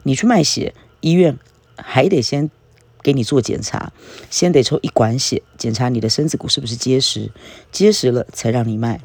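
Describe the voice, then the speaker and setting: A man's voice: mid-range voice, normal speed, husky, no room sound. Man voicing a plain-spoken middle-aged farmer uncle, matter-of-fact, explaining, dry close sound.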